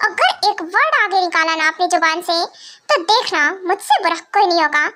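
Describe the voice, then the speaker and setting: A woman voices a possessive male vampire in a homemade fan drama. The voice stays high and bright, and the speech swings between threats and desperate pleading. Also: lively intonation, moderate pace, full character voice. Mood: threatening. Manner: alternates threats and tearful pleading. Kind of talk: amateur Hindi fan drama.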